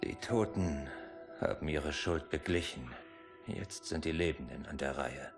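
A man's voice: a bass voice, a little slow. An actor playing a somber soldier narrating his grief in a grave, reflective game monologue. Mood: somber reflection. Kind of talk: scripted dramatic game narration. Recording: loud music behind.

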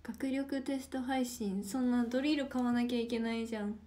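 High-voiced playful young woman streamer. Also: steady tone, fairly quick, warm tone. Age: about 19. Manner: playful, chatty, teasing back at viewers. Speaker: idol livestreamer. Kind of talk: casual livestream chat reading viewer comments.

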